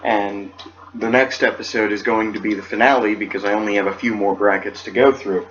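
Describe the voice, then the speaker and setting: A man's voice: fairly low pitch, steady tone, a little fast, fairly bright tone, muffled recording. A teenage young man from California reading a children's book aloud, with dry, self-mocking asides. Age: late teens.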